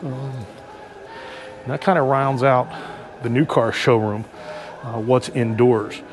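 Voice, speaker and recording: A man giving a casual, unscripted car dealership walk-through as a vlogger, halting and thinking aloud as he looks around. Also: mid-range voice, steady tone. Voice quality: talking through a face mask indoors. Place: car dealership, showroom then outdoor lot. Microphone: microphone with a furry windscreen. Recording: handheld vlog with background ambient noise.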